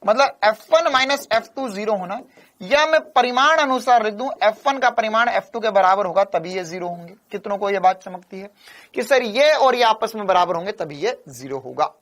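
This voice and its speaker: A man lecturing on physics in a fairly high voice. He teaches in an animated, teasing way and repeats key lines for emphasis. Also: moderate pace. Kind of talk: classroom lecture.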